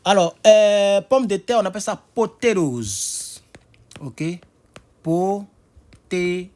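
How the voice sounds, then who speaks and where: A man's voice: sits high, very animated, a little mellow. A man teaching English vocabulary in a casual spoken lesson, spelling words out letter by letter and talking straight to his viewers. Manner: spells words out letter by letter, repeats them slowly; chatty, talks to viewers directly.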